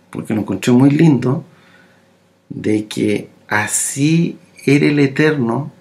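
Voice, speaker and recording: A man delivers a sermon at an unhurried, deliberate pace, his voice carrying a gravelly texture. He pauses often, restarts phrases and repeats words as he goes. His pitch sits in a middle range. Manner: slow, halting delivery with many fillers and repeated words. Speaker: preacher.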